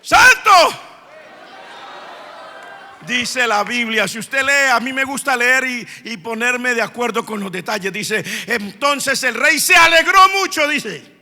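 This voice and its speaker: Impassioned pastor preaching. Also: male voice, very high voice, measured pace. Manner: impassioned preaching, swinging from hushed retelling to shouting. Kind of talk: sermon. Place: church sanctuary. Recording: long church reverb.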